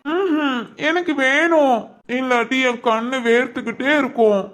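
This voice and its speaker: A man's voice: very high voice, normal speed, a bit bright, voice pushed up. A man voicing an adult man with a ten-year-old's mind, pleading in a whiny, childlike way. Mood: whiny, demanding.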